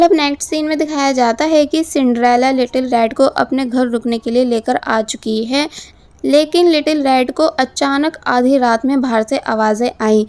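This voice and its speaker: A woman's voice: high voice, a little mellow. A young woman narrating a film recap in a chatty, flowing storyteller manner, stringing scenes together with casual connectors. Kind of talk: scripted movie recap narration.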